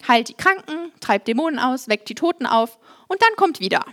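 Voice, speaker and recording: A woman voicing Jesus as a patient, frank male teacher who speaks plainly and teases his pupils gently. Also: very high-pitched, expressive, a little fast, exaggerated voice. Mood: instructing. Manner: plain-spoken, fatherly, gently teasing.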